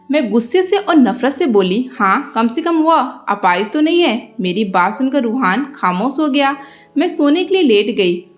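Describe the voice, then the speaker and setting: Brief: high-pitched woman storyteller, heartfelt first-person narration over soft music.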